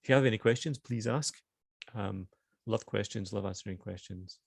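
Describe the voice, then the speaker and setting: Gravelly-voiced Scottish novelist. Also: male voice, fairly low pitch, moderate pace, a little mellow, no echo. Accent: Scottish, Glasgow. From Scotland. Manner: hesitant, with many fillers and restarts in chat. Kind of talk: author reading and book talk.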